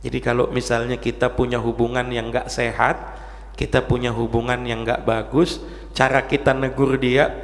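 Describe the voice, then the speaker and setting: A man's voice: mid-range voice, big-room sound. A man giving a Ramadan study sermon, talking conversationally to the congregation and acting out the dialogue he quotes. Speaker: Islamic preacher. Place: mosque hall.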